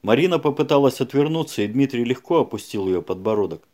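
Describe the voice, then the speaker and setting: A man narrating a crime audiobook in a lively way, with chatty asides to the listener. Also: medium pitch, fast talker.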